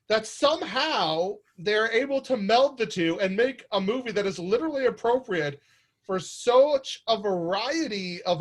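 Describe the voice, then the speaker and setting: A man with a fairly high voice hosts a casual chat. He talks earnestly and thoughtfully, building his points step by step. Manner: earnest, thoughtful film talk. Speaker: host.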